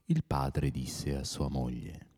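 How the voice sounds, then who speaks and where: A man narrating a folk tale in a lively, theatrical storytelling manner. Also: a bass voice, slow, slight background noise. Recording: loud music behind.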